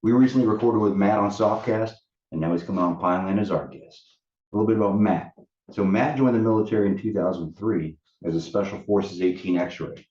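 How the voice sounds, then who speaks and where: Speaking a little fast in a lowish, mellow voice, a podcast co-host introduces a guest during casual chat. They're set up in a pub serving as an offsite studio, where an audio fault makes the recording echoey, dull and far off.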